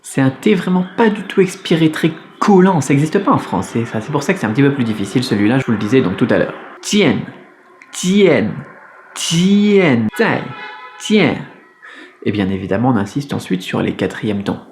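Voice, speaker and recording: A man teaching a beginners' Mandarin lesson in French, patient and clear, repeating each sound slowly. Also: medium pitch, animated, a little mellow, a little hiss or hum. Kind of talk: video lesson.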